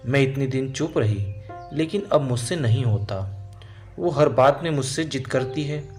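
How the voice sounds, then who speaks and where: A man's voice: mid-range voice, measured pace, darkish tone, soft background music, natural voice. A man voicing a stubborn, angry elderly mother-in-law who scolds harshly in a storybook tale. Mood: angry scolding.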